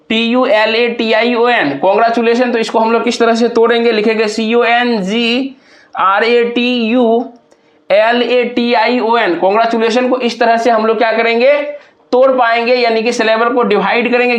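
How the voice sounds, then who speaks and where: High-voiced male tutor spelling words. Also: echoey room. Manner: explains step by step, spells words letter by letter; talks to students directly, asking and answering his own questions. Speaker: teacher. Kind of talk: exam prep lesson.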